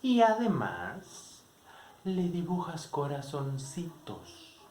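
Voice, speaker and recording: Guy putting on a high squeaky little girl, indignant and bossy, slow and sing-song, echoey room. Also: huge pitch swings, darkish tone, heavily acted. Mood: accusing. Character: indignant young girl quarreling.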